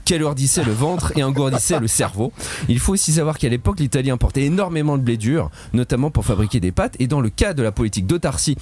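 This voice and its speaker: A man's voice: medium pitch, lively intonation, quick pace, darkish tone, slight background noise. Guy doing a radio trivia bit, bouncy voice, cracks puns and laughs at them. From Switzerland. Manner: playful, punning, laughs at his own jokes. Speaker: radio quiz columnist. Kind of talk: radio fun-facts quiz segment. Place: radio studio.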